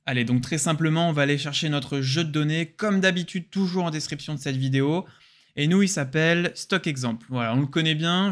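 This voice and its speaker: A young man with a French accent hosts a screen-recorded software tutorial. He explains each step casually and with enthusiasm. His voice sits a little higher than most men's.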